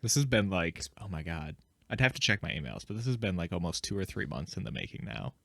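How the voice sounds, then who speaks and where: A man's voice: low voice, very animated, quick pace, vocal fry, pushed and bright, no echo, studio quality. A man chatting casually on a podcast, feeling his way through sentences in an informal, hesitant way. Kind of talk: casual chat.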